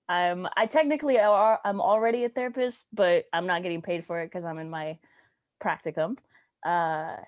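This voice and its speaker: Young woman, from Puerto Rico, guest, casual chat, frank, middle pitch. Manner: chatty, frank, many fillers. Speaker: guest, musician and therapist-in-training.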